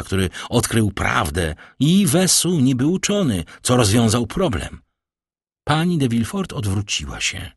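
A man reading an audiobook in a measured, theatrical way, dropping low and quiet for dread. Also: slightly rough, dry recording, studio quality. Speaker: audiobook narrator. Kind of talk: dramatic scripted narration.

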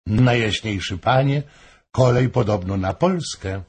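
A man's voice: lowish voice, unhurried, slightly rough. A man doing a sly coaxing noblewoman. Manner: coaxing, insinuating. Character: scheming noblewoman, persuasive and sly.

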